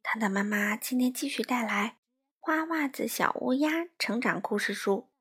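A woman reading a children's picture book aloud to young listeners in a gentle, unhurried way. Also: on the high side, expressive, breathy edge.

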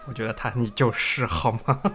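A woman's voice: rumbling low, steady tone, fairly quick, music in the background. A woman co-hosting a live chat stream, dry, teasing and blunt in casual talk.

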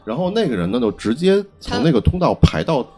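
A man with a Beijing accent telling stories in casual chat, animated and sweary, acting out what was said. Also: medium pitch, quick pace, soft background music. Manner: animated, acts out quotes, colloquial and sweary. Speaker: podcast co-host.

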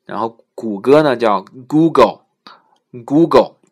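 A man hosting a casual spoken English lesson. He talks in a relaxed way with many fillers and slows down to spell out English words. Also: fairly low pitch. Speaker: podcast host teaching English words.

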